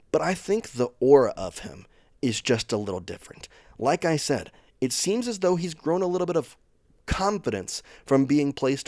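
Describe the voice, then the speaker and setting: This sports channel host has a medium-pitched voice with a darkish tone, recorded with no room sound. His casual commentary on team news is chatty and opinionated, and he speeds up in bursts.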